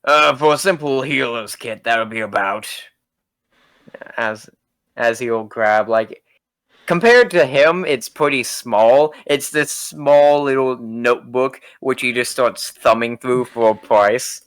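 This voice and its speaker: A man narrating as game master in a casual, halting way. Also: mid-range voice, fairly bright tone, no echo. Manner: casual, with frequent fillers.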